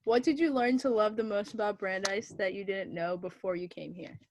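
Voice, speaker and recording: A woman's voice: mid-range voice, fairly even intonation, fairly quick, noisy background. A young woman from Long Island interviewing guests in a friendly, slightly hesitant way. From Long Island, New York. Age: young adult. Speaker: student interviewer. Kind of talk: casual interview.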